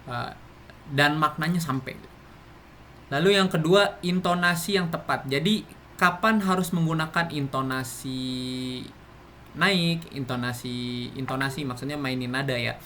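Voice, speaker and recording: A man explaining a lesson in a casual classroom way, his voice a little on the high side. He pauses and restarts often. Faint background noise sits under his voice. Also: bright, forceful tone. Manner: explains with many fillers and restarts. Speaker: presenter.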